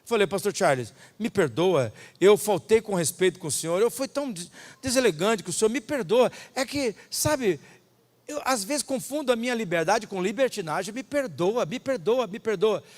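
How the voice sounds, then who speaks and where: Emphatic Brazilian pastor in a reverberant hall. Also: male voice, high-pitched, expressive, normal speed. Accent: Brazilian Portuguese. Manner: emphatic, swings between loud declarations and hushed asides. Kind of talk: sermon. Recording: long reverb of a large hall.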